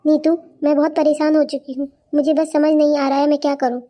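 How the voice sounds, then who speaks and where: A woman's voice: high voice, flat delivery, fast, muffled recording, natural voice. A woman voicing a frustrated, overworked young daughter-in-law in a cartoon, speaking in a complaining, plaintive way. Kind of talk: cartoon voice acting.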